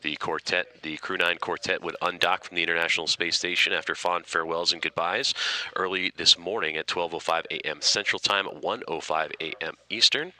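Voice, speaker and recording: A man giving live spaceflight commentary as a mission control announcer, in a measured, formal, explanatory manner. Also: low voice, steady tone, pushed and bright.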